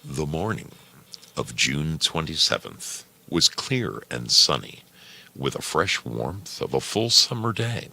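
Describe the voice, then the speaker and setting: Very deep, gravelly man narrating a story. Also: sing-song, slow, pushed and bright. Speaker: host reading a story aloud. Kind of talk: scripted story narration, measured.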